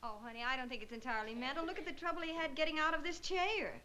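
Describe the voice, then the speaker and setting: A woman's voice: sits high, rapid-fire, pushed and bright. A woman playing a caring, sensible wife in a 1950s sitcom, with an American accent and a soothing, practical manner. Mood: concerned. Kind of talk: 1950s television sitcom acting.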